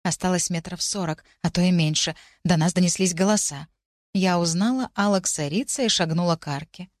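A woman giving a steady, expressive first-person narration of a fantasy audiobook. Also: on the low side, brisk, no echo, clean studio sound.

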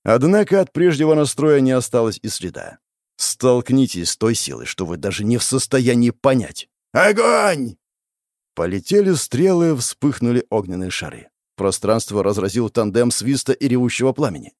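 A man narrating dramatic fantasy fiction in an expressive storytelling manner. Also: mid-range voice, normal speed, dry recording, clean studio sound. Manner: expressive storytelling, voicing the characters. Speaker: audiobook narrator.

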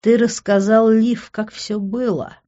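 A reader voicing a hot-headed young man who shouts in rage and turns cold and bitter. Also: medium pitch, flat delivery, measured pace, highs cut off, voice pushed up, lightly acted. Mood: furious.

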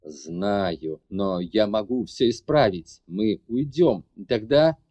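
A man voicing a brooding young mage who insists on justifying himself, low and heavy. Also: slow pace, warm tone, dull audio. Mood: bitter. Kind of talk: audiobook character voice.

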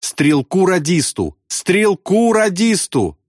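A man voicing a panicky young male pilot who wails and pleads in a high, strained voice. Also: big pitch swings, normal speed, no echo, studio quality. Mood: sobbing panic. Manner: pleading, wailing, high-strung.

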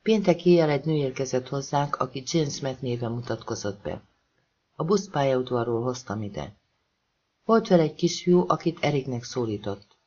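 A man's voice: medium pitch, expressive, a little mellow, lo-fi sound, lightly acted. A man voicing a shaken young woman who runs a shelter, speaking with a trembling urgency.

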